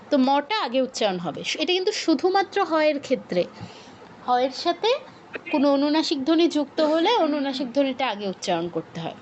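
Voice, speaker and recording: High-voiced woman teaching patiently. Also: slight background noise. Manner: patient, repeats points and asks students to check. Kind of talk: online workshop lesson.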